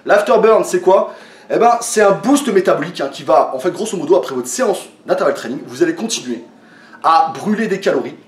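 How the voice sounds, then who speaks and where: A French fitness vlogger explains a workout to the camera casually and hesitantly, full of fillers and restarts, sounding a little tired. His voice is on the high side, and he stands away from the mic in an echoey room.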